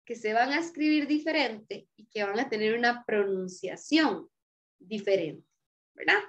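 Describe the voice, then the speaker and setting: A woman's voice: high voice, a bit bright, highs cut off. A woman teacher explaining a lesson patiently, often checking in with her students. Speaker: Spanish teacher. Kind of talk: recorded class lecture.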